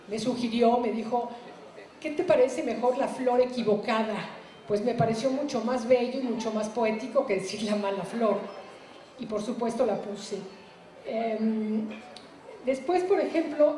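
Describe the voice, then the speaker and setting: A woman gives a reflective public talk about her translation work, pausing often with fillers and restarts. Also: fairly high pitch, mellow, roomy sound, poor audio. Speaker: literary translator.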